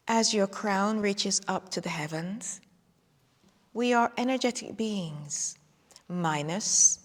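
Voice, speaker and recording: Slow, soothing woman guiding meditation. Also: medium pitch. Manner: slow, soothing, drifting into whispers. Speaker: qigong instructor. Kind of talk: guided meditation. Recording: long hall reverb.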